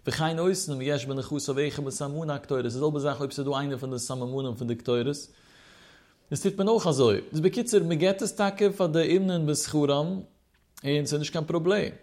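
A man leads a Talmud study lesson in a fairly high voice. He lays out the reasoning step by step and poses rhetorical questions along the way. Hebrew study terms come up often in his explanation. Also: a little fast, darkish tone. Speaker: religious teacher.

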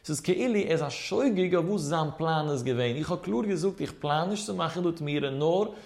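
A man's voice: a little high, expressive, a little fast, vocal fry, a little mellow. A man teaching a Talmud lesson in a sing-song study chant, asking questions and answering them himself as he explains step by step. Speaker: religious teacher.

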